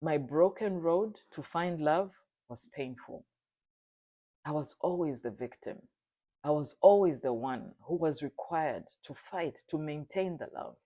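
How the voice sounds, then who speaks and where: A speaker from Zambia giving an earnest, solemn personal testimony, sometimes halting and restarting. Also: medium pitch, animated, dark tone. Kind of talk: reflective spoken testimony.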